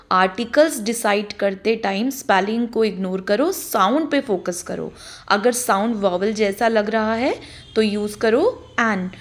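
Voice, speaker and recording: A woman with an Indian accent teaching an English grammar lesson, deliberately spelling out each example sentence. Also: on the high side. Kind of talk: scripted explainer lesson.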